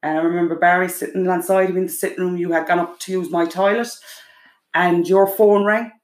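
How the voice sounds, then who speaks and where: A woman's voice: on the low side, steady tone, fairly quick. A middle-aged Irish woman, a guest on her daughter's show, telling a story at length with many remembered exchanges. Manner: vivid, run-on storytelling with many quoted exchanges. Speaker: guest, the host's mother. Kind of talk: emotional storytelling in casual chat. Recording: echoey room.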